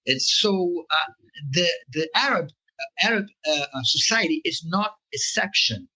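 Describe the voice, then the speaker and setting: Brazilian-accented man with a bright, lively voice. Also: on the high side, low-quality recording. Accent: Brazilian Portuguese. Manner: halting, many fillers and restarts, searches for words. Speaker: political cartoonist, guest. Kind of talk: interview conversation.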